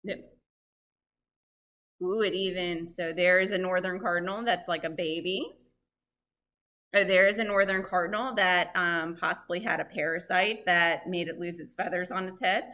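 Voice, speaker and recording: A woman presenting a live, lively lesson for families, chatting and asking her audience questions. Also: lowish voice, normal speed. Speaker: library program presenter on birds.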